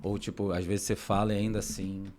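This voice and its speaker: Slangy low-voiced Brazilian man host. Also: level tone, quick pace, darkish tone, a little hiss or hum. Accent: Brazilian Portuguese. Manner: informal, slangy, rambling. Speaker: podcast host, nutritionist. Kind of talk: casual podcast conversation.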